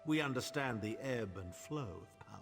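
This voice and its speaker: A man's voice: mid-range voice, animated, moderate pace, creaky, music in the background. An actor playing a haughty, scheming aristocratic male chancellor in a video game, speaking pompously. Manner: pompous, grandiloquent.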